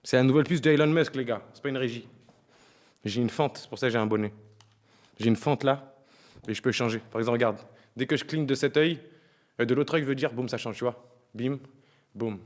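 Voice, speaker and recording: A young man streaming a game live, slangy and joking, swinging from low mumbling to excited shouting. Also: brisk, pauses often. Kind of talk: live gaming stream chatter.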